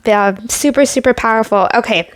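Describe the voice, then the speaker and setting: Woman, young adult, tarot reader, fairly high pitch, chatty, filler-heavy, emotional. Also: brisk. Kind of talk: casual pick-a-card tarot reading.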